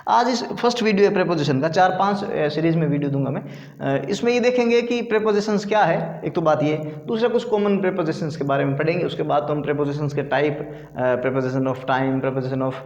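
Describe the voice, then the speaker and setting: A man's voice: a little high, lively intonation, a little mellow. Man teaching grammar in an echoey classroom. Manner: explains step by step, repeats words slowly. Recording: echoey room, long reverb, dull sound.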